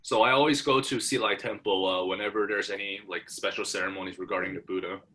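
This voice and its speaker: Heard through poor audio, a young male student from Hong Kong talks casually with his professor. He sounds fairly bright, with a lowish voice and fairly even intonation, and he keeps halting with fillers and restarts.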